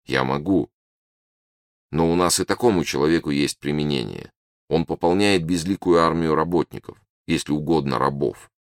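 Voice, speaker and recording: A man reading the part of a polite, condescending male alien official who lectures smoothly. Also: extremely low pitch, moderate pace, no room sound, clean studio sound. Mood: lecturing.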